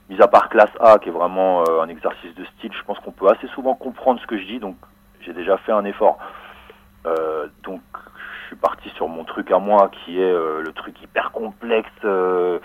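A man, a rapper answering interview questions in a relaxed way, with many fillers and restarts. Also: deep voice, no room sound. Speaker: rapper guest. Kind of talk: casual radio interview answers. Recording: phone-like narrow dry line.

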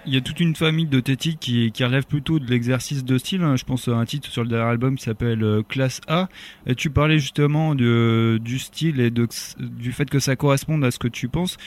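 A man's voice: mid-range voice, brisk. A man hosting a radio show, who asks long questions and hesitates while searching for words.

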